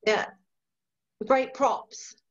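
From a bookshelf-lined room at home, an East Yorkshire author in her forties talks extremely slowly in a casual interview over a video call. She has a mixed Yorkshire and Irish accent, chats with enthusiasm, and laughs readily, while the audio sounds dull and lo-fi.

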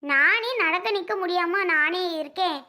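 A high-voiced performer playing a quarrelsome, sharp-tongued pregnant young woman in a family skit, snapping back defensively. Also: unhurried, heavily acted. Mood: indignant.

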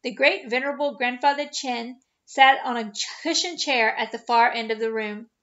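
Female storyteller, high voice, chapter-book read-aloud, lo-fi sound. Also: moderate pace. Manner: steady, expressive read-aloud narration. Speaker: children's ministry storyteller.

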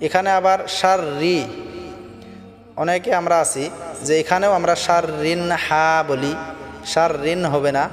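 A man teaching Quran recitation, chanting verses slowly and melodically, then explaining pronunciation quickly in a Bangladeshi Bengali accent. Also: fairly high pitch, steady tone. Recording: echoey reverberant room with faint background music.

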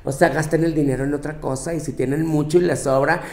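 A man performs a comic monologue as a bossy young Mexican woman with a Mexican accent, scolding her girlfriends with profanity and sassy ranting. His voice is on the high side, steady, quick and a little mellow, only lightly acted, and he throws in mocking quoted voices with a brash manner. The room sounds roomy and echoey.

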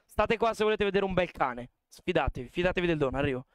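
A young male streamer chats loosely with his viewers, cursing freely as he talks. His voice is high and smooth, and it is recorded close and dry on a desk mic. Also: animated, fast, no room sound. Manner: chatty, swears a lot, talks to chat. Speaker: live streamer. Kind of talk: casual live-stream chat.

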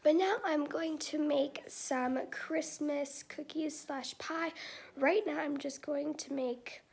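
This young teen vlogger, about thirteen and American, has a high, gravelly voice with fairly even intonation and takes her time, often saying "like" as she chats casually. The noisy handheld home recording comes from a camera or phone at arm's length as she moves through her bedroom and kitchen.

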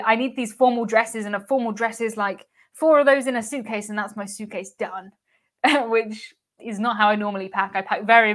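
A woman's voice: a little high, fairly bright tone. A young woman hosting a cruise live stream, chatting casually and reading out viewer comments, laughing often and repeating words. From United Kingdom. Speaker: cruise channel host.

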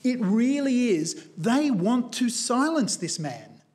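A man with a high voice delivers a sermon in a church. He speaks earnestly and with emphasis. He retells a story with a shifting pace. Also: very animated, slow pace, darkish tone. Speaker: guest preacher.

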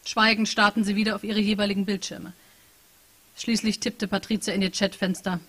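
A woman author reading her novel aloud in a bookshop, calm and even between the dialogue. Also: medium pitch, fairly quick. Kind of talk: live book reading.

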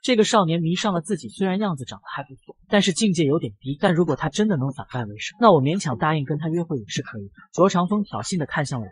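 A man narrating a comic recap in brisk scripted storytelling. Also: on the high side, lively intonation, breathy edge, dry recording.

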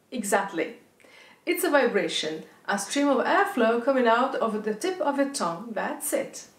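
A woman's voice: on the high side, reverberant. A middle-aged woman with an Italian accent giving an instructional pronunciation lesson, demonstrating rolled R exercises and enunciating example words. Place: indoor studio with plain backdrop.

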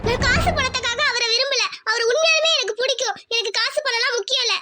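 A woman voicing a gentle, poor young village girl in a cartoon, pleading and tearful. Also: very high voice, quick pace, soft background music. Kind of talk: cartoon voice acting.

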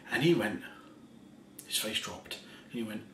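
A tipsy man in his thirties telling a rambling ASMR story in a soft voice, chuckling often and slipping into half-whispers. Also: on the low side, lively intonation, measured pace. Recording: roomy echo, faint background hiss.

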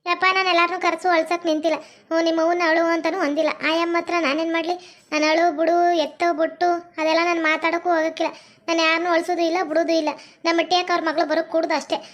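A woman's voice: very high voice, flat delivery, rapid-fire, fairly bright tone. A woman playing a harsh, scornful middle-aged mother-in-law in a family skit, with a North Karnataka accent. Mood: dismissive. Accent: North Karnataka Kannada. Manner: scornful, scolding, sing-song taunts. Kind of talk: family comedy skit acting.

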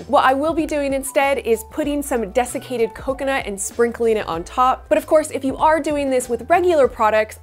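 A woman in her thirties hosting a bubble tea recipe tutorial, explaining each step in a bright, upbeat way on a studio kitchen set with a lapel mic. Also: fairly high pitch. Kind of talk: scripted cooking tutorial. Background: soft background music.

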